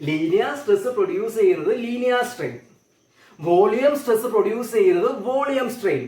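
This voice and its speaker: A man with a Malayali accent teaching a physics lecture. He asks his students questions, answers them himself and repeats key terms slowly. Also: sits high, darkish tone, distant mic. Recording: echoey room, voice from off the mic.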